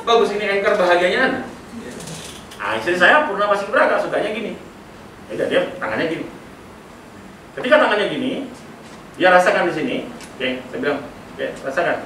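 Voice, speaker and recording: A middle-aged man leading a school workshop, telling a story with lively acted-out dialogue. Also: high voice. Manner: animated storyteller, acting out dialogue with laughter. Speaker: workshop speaker. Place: school hall. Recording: echoey hall, voice from a distance, noisy.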